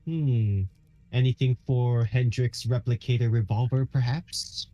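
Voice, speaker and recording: A man's voice: medium pitch, steady tone, measured pace, dark tone, soft background music. A man playing a tabletop game who muses and thinks aloud hesitantly as he plays. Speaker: player. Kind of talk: casual tabletop game play.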